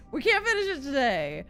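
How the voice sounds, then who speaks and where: Over game music, a woman livestreaming a video game chats easily and muses aloud, giggling and talking a lot. Her voice is high-pitched with a fairly bright tone.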